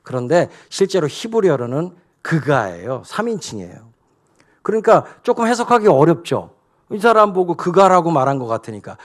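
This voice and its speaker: A male pastor preaching a sermon in an animated, conversational way, with frequent rhetorical questions to the congregation. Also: sits high, a little fast.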